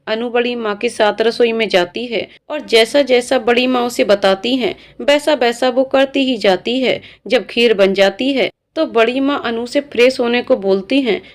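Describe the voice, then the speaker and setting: A woman narrating a family story in a steady, clear reading voice. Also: a little high, moderate pace, few pauses.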